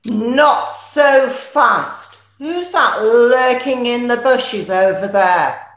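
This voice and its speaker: A woman playing an officious quarantine official in a pantomime, with theatrical, drawn-out delivery. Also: a little high, fairly bright tone, reverberant, exaggerated voice. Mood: challenging. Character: officious female quarantine official stopping travellers. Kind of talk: pantomime acting.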